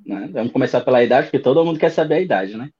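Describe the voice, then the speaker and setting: A man in his thirties with a São Paulo accent, telling his story as an interview guest in a relaxed, rambling way. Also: mid-range voice, very fast, slightly rough, muffled recording. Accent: São Paulo Brazilian Portuguese. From Brazil. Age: 30s. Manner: relaxed storytelling with many fillers. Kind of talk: casual interview chat.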